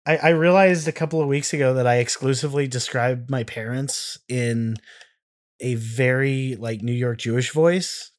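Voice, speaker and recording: A man co-hosting a podcast, chatting casually in a rambling, self-interrupting, jokey way. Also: mid-range voice. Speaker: podcast co-host. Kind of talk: casual chat.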